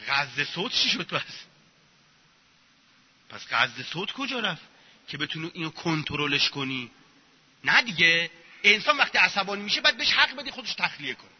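A high-pitched, husky male lecturer giving an informal religious talk, mocking the ideas he rejects by acting them out. His voice rings through a large hall with a long, trailing echo, and the recording sounds muffled. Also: big pitch swings, pauses often. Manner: sarcastic, acts out mocking examples.

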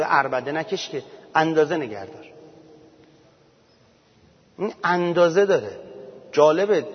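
A man's voice: medium pitch, breathy edge. A man giving an informal religious talk as teacher, speaking conversationally and pressing his points with rhetorical questions. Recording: muffled sound with long hall reverb.

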